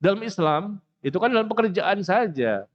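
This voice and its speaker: High-voiced man preaching in a mosque. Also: moderate pace, lo-fi sound. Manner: animated, jokes, acts out quoted speakers. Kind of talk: mosque lecture.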